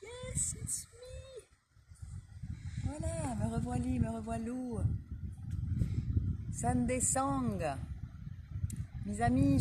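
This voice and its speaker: A woman vlogger talking in a halting, improvised way, with many restarts, while sitting on a beach by the sea. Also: mid-range voice, very noisy. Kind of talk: improvised casual vlog and reading aloud. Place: outdoors on a sandy beach by the sea. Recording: loud outdoor ambience by the sea.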